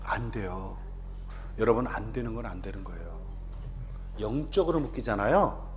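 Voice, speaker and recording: A man in his fifties, an announcer, giving a lively testimony to a congregation and often asking the audience questions. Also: on the low side, normal speed, noisy background.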